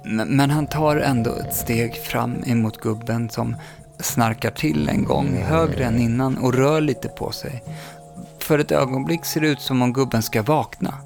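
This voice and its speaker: Gravelly-voiced man narrating a story. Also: medium pitch. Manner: calm, measured reading with dramatic pauses. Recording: background music under the voice.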